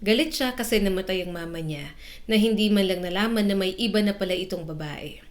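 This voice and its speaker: Woman reading a drama story, steady and even, mid pitch. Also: brisk. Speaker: narrator. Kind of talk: scripted story narration.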